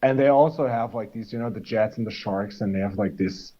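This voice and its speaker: A man's voice: on the low side, a little fast, husky. Guy cohosting a podcast, chatty and rambling, kinda muffled lo-fi audio. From Germany. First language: German. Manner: rambling, many restarts and fillers. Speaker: podcast co-host. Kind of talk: casual chat. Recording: dull lo-fi recording.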